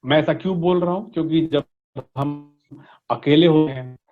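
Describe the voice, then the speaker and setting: This man, a voice modulation coach with an Indian accent, speaks at a moderate pace in a voice on the high side during an interview. He teaches as he talks, blending Hindi with English and repeatedly asking "right?" or "okay?" to make sure the listener follows, all in dull, lo-fi audio.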